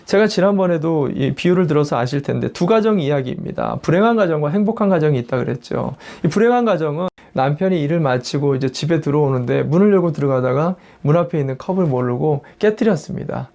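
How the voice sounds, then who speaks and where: A man's voice: a little high, lively intonation, fast talker, vocal fry, few pauses, a little mellow. A man preaching a sermon as senior pastor, emphatic and acting out quoted prayers and family voices. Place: church in the United States.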